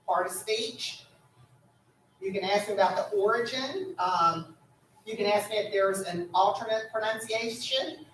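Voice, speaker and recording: A woman's voice: medium pitch, a little slow, a bit bright. A woman leads a school spelling bee as its pronouncer, patient and instructive, explaining rules and calling out words. She is heard from some distance in an echoey school room. A faint hum of background noise sits under her voice. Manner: patient, instructive, repeats "okay?".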